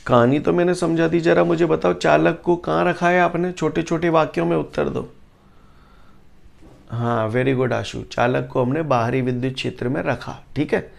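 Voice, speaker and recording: A male physics teacher, lecturing a class, quizzing students and repeating definitions slowly. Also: on the high side, steady tone, gravelly.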